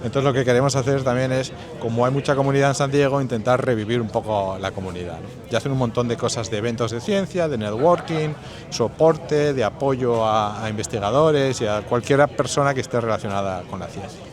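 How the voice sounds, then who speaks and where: A man's voice: medium pitch, a little fast. A man from Spain, a scientist, answering interview questions in long explanatory runs. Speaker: scientist and association organizer. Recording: outdoors with crowd chatter behind.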